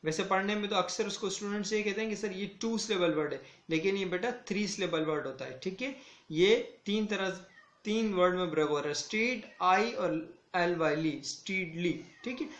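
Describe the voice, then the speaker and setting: Male schoolteacher, fairly high voice, slow deliberate drilling of words; echoey room. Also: a bit bright. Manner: slow, deliberate word-by-word reading and repetition. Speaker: school English teacher. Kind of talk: online classroom lesson.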